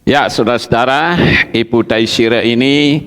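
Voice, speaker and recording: Slow-speaking pastor in a reverberant hall. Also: male voice, mid-range voice, a bit bright, smooth. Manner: slow, deliberate, addresses congregation often. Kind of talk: sermon and church announcements. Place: church hall.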